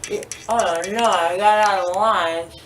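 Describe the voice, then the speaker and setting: Still numb and sore in the mouth after dental surgery, and groggy and loopy from anesthesia, a woman chats casually to camera while giving a makeup tutorial as a vlogger. She speaks slowly in a medium-pitched voice with fairly even intonation. Faint noise sits under a roomy, distant mic.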